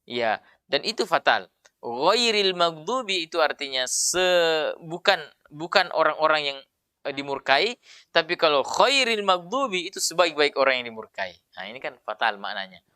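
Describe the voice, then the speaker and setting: A man's voice: mid-range voice, bright, forceful tone, clear, resonant tone, dry recording, clean studio sound. A man teaching Quran pronunciation, patiently explaining and drilling letter sounds aloud. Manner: patient, explanatory, many filler "ya". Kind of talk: tajwid pronunciation lesson.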